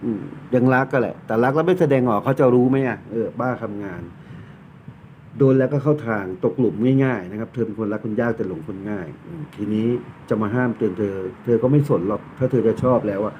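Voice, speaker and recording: A man's voice: mid-range voice, a little fast. Male tarot reader, casual blunt joker, lo-fi phone-like audio with light hiss. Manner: blunt, joking, swears freely. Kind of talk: casual explanatory talk. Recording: tinny phone-like sound, faint noise.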